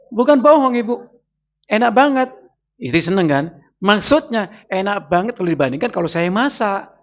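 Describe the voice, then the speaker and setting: A male preacher giving an Islamic study lecture in a mosque, talking straight to the women listening and acting out little everyday scenes. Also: sits high. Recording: dull lo-fi sound.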